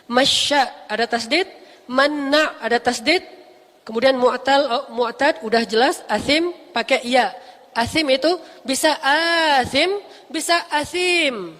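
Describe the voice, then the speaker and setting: A Quran teacher giving a casual, lively study lesson, explaining Arabic terms with emphatic repetition and light jokes. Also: sits high, unhurried. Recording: long reverb.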